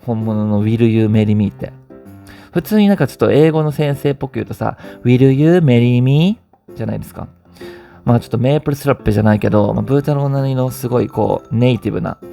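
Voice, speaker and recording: Kansai guy chatting on his vlog, playful and teasing, warm low-key tone with some gravel. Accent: Kansai Japanese. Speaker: vlog host. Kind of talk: casual chat reading out listener stories.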